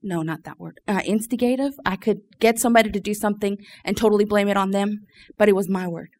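A woman's voice: medium pitch, steady tone, fast, a little mellow. A woman from Louisiana giving an informal personal testimony to a group, hesitant and often searching for her words. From Louisiana, United States. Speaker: church member giving testimony.

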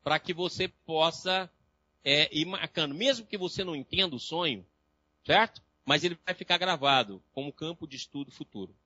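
Animated Brazilian man lecturing. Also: a little high, normal speed, dry recording. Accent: Brazilian Portuguese. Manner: lively storytelling, acts out patients' voices. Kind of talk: live lecture to a class. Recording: dry, slightly dull lecture recording.

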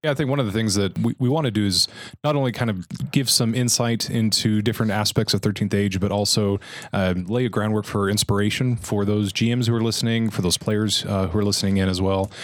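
A man co-hosting a casual podcast, talking in a relaxed way with frequent ums and uhs. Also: lowish voice, a little fast, no room sound, studio quality. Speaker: podcast co-host.

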